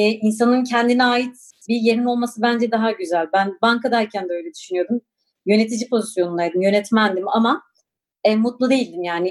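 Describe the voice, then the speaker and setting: A woman's voice: medium pitch, darkish tone. Reflective woman in her forties. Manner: reflective, hesitant, with frequent fillers. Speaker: interviewee. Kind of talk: personal recollection.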